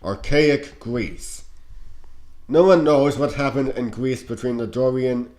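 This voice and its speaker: A man with a congested, stuffy-nosed voice, sick with a cold, reading scripted educational narration aloud in a measured, deliberate way. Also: mid-range voice, darkish tone. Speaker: narrator reading on-screen educational game text.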